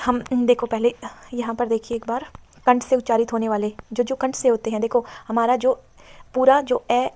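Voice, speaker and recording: A woman teacher walks viewers through an exam-prep grammar lesson in a fairly high voice. Her pitch barely moves, keeping a flat, even line as she repeats points and tells viewers to look at the chart. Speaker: Sanskrit teacher.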